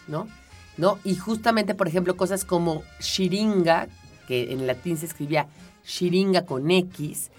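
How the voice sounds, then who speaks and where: Mexican woman co-host, low-ish voice, patient explainer, soft music under. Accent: Mexican Spanish. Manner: explains patiently, often tags "¿no?" and fills with "este". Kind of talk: explanatory radio chat.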